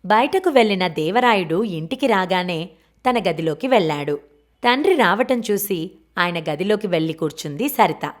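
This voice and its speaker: A woman narrating a novel aloud for an audiobook in a steady, clear storytelling manner. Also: fairly low pitch, normal speed.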